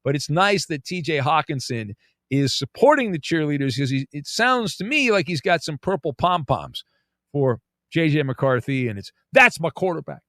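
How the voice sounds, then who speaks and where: A man hosting a sports talk show, animated and joking as he riffs. His pitch swings widely and sits a touch high for a man. The sound is close and dry. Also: moderate pace, no room sound. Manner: animated, joking, repeats words when starting. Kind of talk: casual sports talk commentary.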